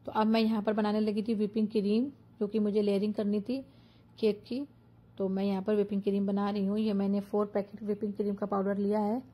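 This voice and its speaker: A woman narrating her own cooking video as a voice-over, calmly explaining each step. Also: mid-range voice, quick pace. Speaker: cooking vlogger.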